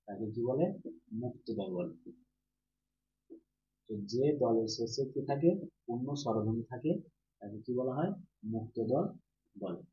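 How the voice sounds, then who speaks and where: A man's voice: medium pitch, a little slow, pauses often. A teacher who keeps quizzing his class. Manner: asks questions and answers them himself, repeating key terms. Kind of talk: Bengali grammar lesson for students. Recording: roomy, dull, with faint hum.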